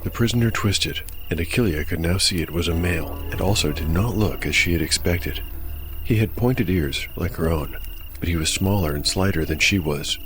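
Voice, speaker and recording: Over music, a low-voiced man narrates a dark fantasy tabletop audiodrama, his storytelling scripted, measured, and deliberate.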